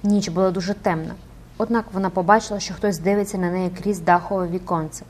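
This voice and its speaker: A woman's voice: lowish voice, steady tone, fast, darkish tone. A woman narrating an audiobook dramatically and expressively, rising with the action.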